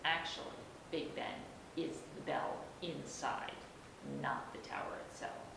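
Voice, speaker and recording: A woman's voice: fairly even intonation, a little slow, creaky, heavily acted. A woman voicing a clever, pedantic little boy elephant while reading a storybook to a toddler. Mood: smug. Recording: echoey room, distant mic, noisy rumble.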